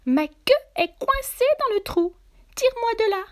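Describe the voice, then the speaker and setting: A woman's voice: very high-pitched, lively intonation, moderate pace, pitched above the performer's own voice. A woman voicing a small, panicked rabbit in a children's storybook, pleading urgently for help.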